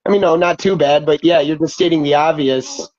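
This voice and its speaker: A man co-hosting a casual podcast, chiming in with halting remarks that often trail off. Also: on the high side, fairly even intonation, darkish tone, no echo, lo-fi sound. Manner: halting, trails off, stumbles for words. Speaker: podcast co-host.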